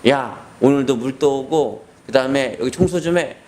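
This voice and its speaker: A male preacher voicing a bullying middle-aged neighbor who threatens slowly and gruffly. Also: medium pitch, a little mellow, natural voice. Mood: menacing.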